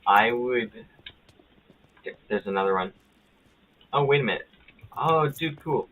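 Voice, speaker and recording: A man streaming a video game live, chatting casually with a friend, rambling and correcting himself mid-sentence, and getting excited at small finds. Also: mid-range voice, slow. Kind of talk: casual chat while gaming live. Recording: tinny phone-like audio with faint hiss.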